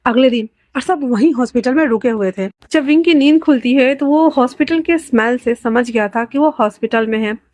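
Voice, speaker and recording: A woman's voice: high voice, moderate pace, hardly any pauses, a little mellow, no echo. A woman telling a fan-fiction love story aloud, reading the characters' lines in her own voice and raising it when they cry out.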